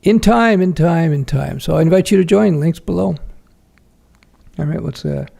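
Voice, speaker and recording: Reading viewer questions aloud, a middle-aged livestream host answers frankly in a chatty Q&A. He speaks at a moderate pace in a fairly high, dark voice with vocal fry, and his speech has many fillers, restarts and self-corrections.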